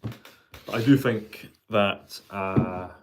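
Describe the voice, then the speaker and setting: A man chatting casually as a pipe maker on his vlog, thinking aloud in a halting way and repeating words. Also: fairly low pitch, fairly even intonation, noisy background. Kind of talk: casual, rambling hobby vlog chat.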